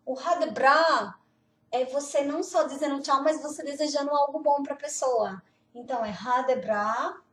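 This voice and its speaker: A woman teaching Norwegian pronunciation, slowly repeating words and laughing now and then. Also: high voice, distant mic. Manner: slow, repeats words carefully, laughs often. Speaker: language teacher. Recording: roomy echo, off-mic.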